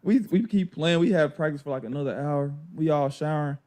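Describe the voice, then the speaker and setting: A man telling a basketball story in casual chat, laughing and acting out teammates in loud high voices. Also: a little fast. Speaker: former pro basketball player telling a story. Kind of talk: animated storytelling.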